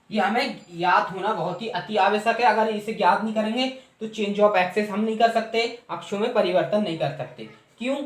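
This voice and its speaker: A man teaching mathematics in Hindi, walking through a table step by step, asking questions and answering them himself. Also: high voice. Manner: asks and answers his own questions, repeats steps. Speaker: math teacher. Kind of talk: classroom explanation of a trig table. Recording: echoey room.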